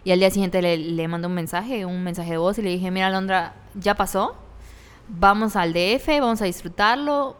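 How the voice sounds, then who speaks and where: A woman's voice: mid-range voice, normal speed, clean tone, long reverb tail. A woman with a Mexican accent chatting casually, telling a candid personal story with slang. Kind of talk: casual chat.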